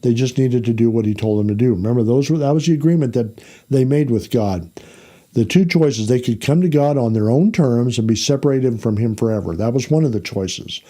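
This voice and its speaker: Male Bible teacher, mellow low-toned voice, conversational lesson delivery, checks in with the class as he goes. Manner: explains plainly, checks in with the class by asking "okay?" and "all right?"; unhurried, with frequent fillers and self-corrections.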